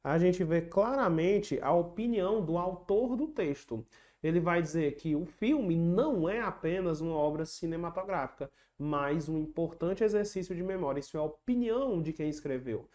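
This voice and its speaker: Explaining exam questions in an online class, this patient teacher repeats the important rules and slips into chanted rhymes so they stick. The middle-pitched voice has lively intonation, a moderate pace and a darkish tone.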